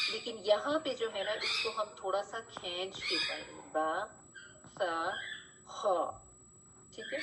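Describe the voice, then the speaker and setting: A woman leads an online Quran recitation lesson at a middle pitch, explaining rules patiently and repeating them. Her voice comes through a slightly muffled call with faint background noise. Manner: patient, repeats key points, frequent "theek hai" checks. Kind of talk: online class lecture.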